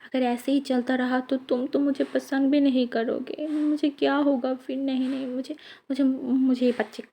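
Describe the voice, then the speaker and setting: A woman's voice: high-pitched, little pitch movement, normal speed, mellow. A woman voicing a dramatic, pregnant young man who complains with stammering repeats. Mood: whiny.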